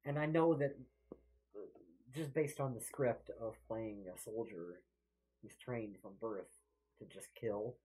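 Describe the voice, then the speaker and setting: A man with a slightly husky voice talks through his view of a film in a measured, thoughtful way. He weighs his criticisms and thinks aloud with small fillers. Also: fairly low pitch, warm tone, rough recording. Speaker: podcast co-host. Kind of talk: casual movie review chat.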